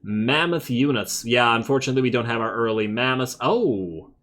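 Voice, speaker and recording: A man's voice: medium pitch, expressive, moderate pace, fairly bright tone. A man giving casual, laid-back strategy game commentary, thinking aloud as he plays. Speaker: gamer, host of a let's play series. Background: game music.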